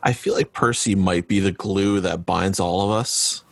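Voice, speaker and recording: A man playing in a tabletop game, chatting in a joking, animated way. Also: sits low, measured pace, vocal fry. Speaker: player. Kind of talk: casual tabletop game chat.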